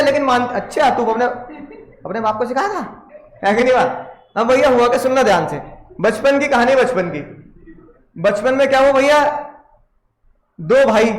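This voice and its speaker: An Indian man lecturing a class, telling a comic story and acting out voices along the way. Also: very high voice. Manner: playful, acts out voices in stories. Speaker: teacher. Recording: echoey classroom.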